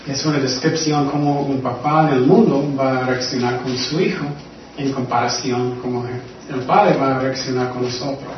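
A man leading a Bible study in a conversational way, often putting questions to his listeners and swinging between loud and soft. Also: medium pitch, steady tone, moderate pace, slight background noise. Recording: very echoey, distant, dull room recording.

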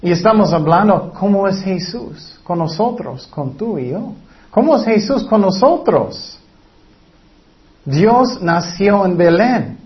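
A man with a fairly high voice delivers a sermon at an unhurried, deliberate pace. He keeps turning to the congregation with rhetorical questions as he retells a scripture story, and the recording sounds dull and lo-fi. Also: expressive. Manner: asks the listeners many rhetorical questions. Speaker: preacher.

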